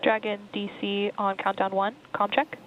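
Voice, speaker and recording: A woman's voice: mid-range voice, level tone, moderate pace. A woman making clipped, procedural astronaut-style comm checks over a radio transmission. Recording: dull band-limited radio, faint noise.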